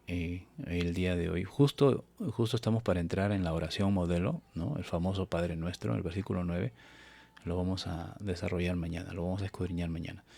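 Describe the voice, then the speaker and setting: Gravelly, husky male preacher. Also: deep voice, dark tone. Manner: earnest, exhortative, addresses listeners as brothers. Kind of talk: Bible study sermon on a live stream.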